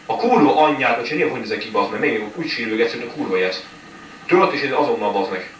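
A man's voice: medium pitch, lively intonation, fairly bright tone. Male gamer, running commentary, nonstop swearing and frustrated outbursts; distant mic, echoey room. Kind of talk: live gameplay commentary. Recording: echoey room, mic far off, faint noise.

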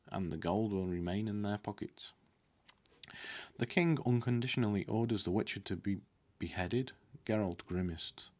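A fairly low, darkish male voice belongs to a man in his thirties reading a fantasy novel aloud. He occasionally slips on a word and goes back to fix it. The setting is a curtained indoor room where he sits at a desk, close to a desktop microphone in front of him.

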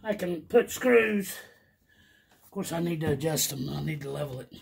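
An older man with a husky voice giving a casual, matter-of-fact, folksy practical explanation. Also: on the high side, animated, normal speed. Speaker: handyman partner explaining an installation. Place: indoors in a small trailer kitchen. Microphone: off-camera phone held by another person.

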